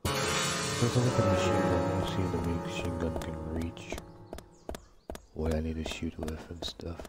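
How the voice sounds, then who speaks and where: A man's voice: low-pitched, a little slow, over loud music. A man giving casual gameplay commentary, ranting in frustration with lots of swearing and muttering to himself. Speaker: let's play gamer. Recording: clear background noise with clicks.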